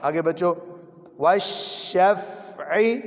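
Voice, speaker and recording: A man teaching children Quran recitation. He chants each word slowly, then explains in quick bursts. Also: high voice, creaky, long reverb tail.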